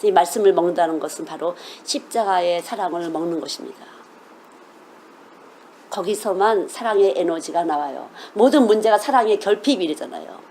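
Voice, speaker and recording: A middle-aged woman preaching a sermon as a children's missionary, earnest and emphatic, often asking her listeners questions. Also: medium pitch.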